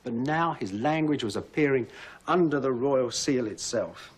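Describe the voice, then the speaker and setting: A middle-aged man presenting a documentary in a lively storytelling way with wry asides. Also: medium pitch, unhurried, slightly rough.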